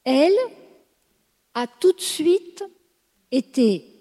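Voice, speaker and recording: A woman's voice: high voice, lively intonation, very slow, dark tone, husky, long reverb tail. A woman teaching a class, explaining at length and often checking whether her listeners follow. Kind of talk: classroom lecture.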